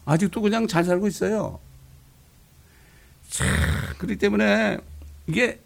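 A man preaching a sermon as a pastor, emphatic and often asking his congregation a quick question. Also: sits high, gravelly.

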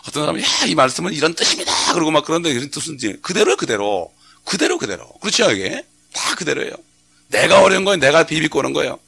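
A man's voice: on the high side, sing-song, fast talker, creaky, fairly bright tone, slightly rough. A middle-aged man preaching a sermon as pastor, talking in a conversational way and often asking the congregation short questions for a response.

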